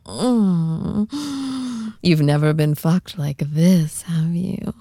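A woman voicing a dominant, teasing supernatural seductress in an intimate ASMR role-play, breathy and hushed, right in the listener's ear. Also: fairly low pitch, drawn-out words, no echo, studio quality, full character voice. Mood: seductive, teasing. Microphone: very close microphone.

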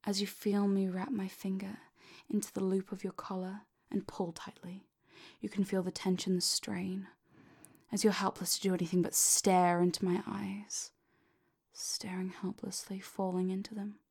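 A hypnosis audio creator speaks close and low in a breathy, half-voiced whisper with gravelly fry. Keeping her pitch flat and even, she guides the listener through hypnosis at a slow, commanding pace.

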